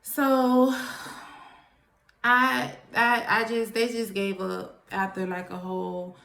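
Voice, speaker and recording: A young woman, telling a personal story to her viewers in a chatty, animated way. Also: medium pitch, slow pace, creaky. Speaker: vlogger. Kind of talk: casual storytelling to camera. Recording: echoey room.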